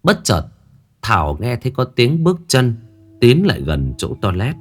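A man's voice: medium pitch, sing-song, normal speed. A man narrating a ghost story in a dramatic, suspenseful way. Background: faint music.

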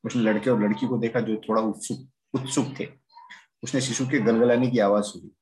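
A man narrating a children's story read aloud, steady and even. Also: medium pitch, fairly quick, a little hiss or hum, poor audio.

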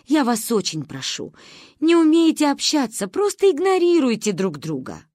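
Fussy old granny, read by a woman, scolding and pleading, bouncy pitch, dry sound. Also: wildly swooping pitch, moderate pace, a little mellow, no echo.

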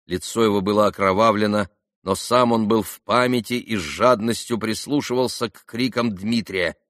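A man reading a classic novel aloud as expressive scripted narration. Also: on the low side, moderate pace, dry recording, clean studio sound. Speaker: audiobook reader.

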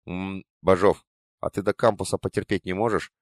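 A man reading an audiobook and voicing a stern, sardonic masked mentor who speaks slowly and irritably. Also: on the low side, dry recording, clean studio sound, close to an everyday voice. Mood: irritated. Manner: slow, irritable, dryly mocking.

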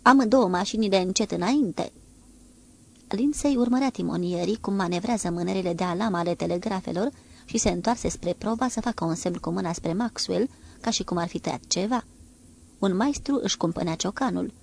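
A woman reading an audiobook in a steady, measured way. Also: lowish voice, gravelly. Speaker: audiobook narrator. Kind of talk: audiobook narration of a naval novel.

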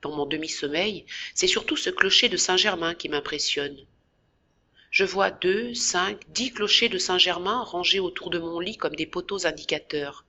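A woman narrating a classic novel in a measured, expressive audiobook reading. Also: fairly low pitch, slight background noise. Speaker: audiobook reader.

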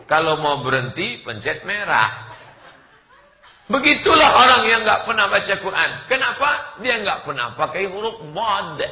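A man's voice: high-pitched, measured pace, echoey room. A man preaching a humorous sermon, acting out dialogue and pronunciation for his listeners. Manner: animated, mimics dialogue and pronunciation. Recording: dull lo-fi recording.

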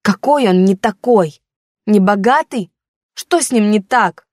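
Woman doing a shrill tearful teenage girl yelling at her mom, high and bouncy, dry close sound. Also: unhurried, no echo, natural voice. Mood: tearful, accusing. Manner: shouting, accusing, on the verge of tears.

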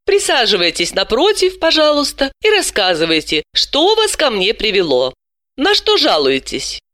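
A woman voicing a sharp, ironic female psychoanalyst in an audiobook, brisk and sarcastic. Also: huge pitch swings, no echo, clean studio sound. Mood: businesslike. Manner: sarcastic, brisk and high-pitched. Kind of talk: audiobook character voice.

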